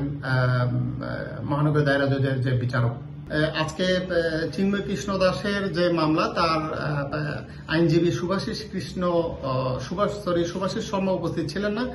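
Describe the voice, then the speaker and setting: A man giving a live news report on a court case, pausing often with filler sounds. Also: a little high, echoey room, background noise. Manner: halting, many filler sounds.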